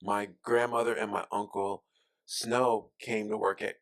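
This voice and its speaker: A man with a low, gravelly voice speaks as a radio guest. He tells family stories in a relaxed, unhurried way, dotted with ums and likes. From Rochester, New York. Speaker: guest, early childhood specialist. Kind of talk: casual radio interview.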